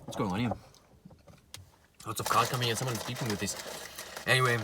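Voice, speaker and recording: A man chatting casually to viewers while he eats, pausing and murmuring between remarks. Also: mid-range voice, fairly even intonation, heavy background noise. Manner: talks while eating, with murmured mms and pauses. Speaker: mukbang vlogger. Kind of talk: casual eating chat to viewers.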